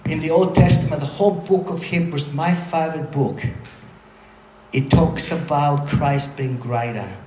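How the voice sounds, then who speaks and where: A man preaching a sermon in a lively, conversational way, breaking off for quick asides to the room. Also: a little high, slight background noise. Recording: roomy hall sound with faint ambience.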